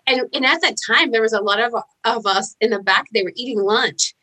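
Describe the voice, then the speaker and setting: A woman with a bright, forward voice talks as a hairstylist guest in a casual interview. She is chatty and effusive and leans on fillers as she speaks. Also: fairly high pitch, brisk, rough recording.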